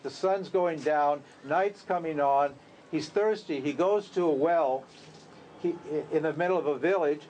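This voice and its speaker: High-voiced man giving a casual spiritual talk. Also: darkish tone, a little hiss or hum. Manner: conversational, rhetorical questions, laughs at his own lines. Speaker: spiritual teacher. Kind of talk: informal spiritual talk to a group.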